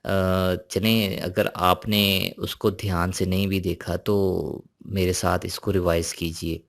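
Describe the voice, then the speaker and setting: Slow, low-voiced male language teacher. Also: little pitch movement, creaky. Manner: slow, patient explaining, drills sounds one by one. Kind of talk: recorded online language lesson.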